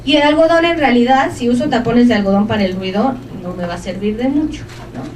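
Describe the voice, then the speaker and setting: A woman, her voice sitting a little on the high side, presents an information session to a live group. She keeps checking in with her listeners through short questions. She is picked up from across an echoey room with a faint hum of ambience. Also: fast talker, a little mellow, far from the mic. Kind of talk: informative talk to a live audience.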